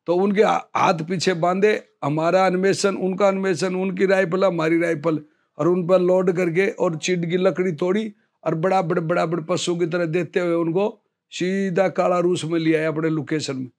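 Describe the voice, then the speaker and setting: A man in his fifties, an army veteran, telling a story in an interview in a lively way and acting out what others said. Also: high voice, moderate pace.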